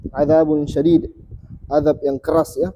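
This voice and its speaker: Seorang guru mengaji pria yang mengajar kelas dengan sabar, mengulang bunyi huruf perlahan untuk murid-muridnya. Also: male voice, fairly high pitch, level tone, mellow, slight background noise, poor audio. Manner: patient, repeats sounds slowly for students. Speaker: Quran reading teacher. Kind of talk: teaching a class.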